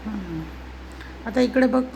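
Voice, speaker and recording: A woman with a high, bright-pitched voice speaks slowly and patiently, coaxing a toddler. She repeats each instruction gently and keeps nudging the child along. She records on a phone at home. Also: gravelly, noisy background. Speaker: parent filming a toddler. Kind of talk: coaxing a small child on camera. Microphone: phone camera.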